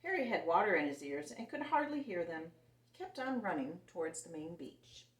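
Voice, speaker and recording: In a roomy recording made some distance from the mic, a woman reads a picture book to young children at normal speed. Her voice is on the low side yet lively, swinging up and down as she performs the characters expressively.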